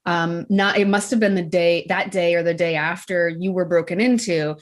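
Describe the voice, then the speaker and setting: A woman's voice: on the low side, steady tone, moderate pace. A woman hosting an interview, responding reflectively and with empathy to her guest. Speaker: interviewer, podcast host. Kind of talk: conversational interview.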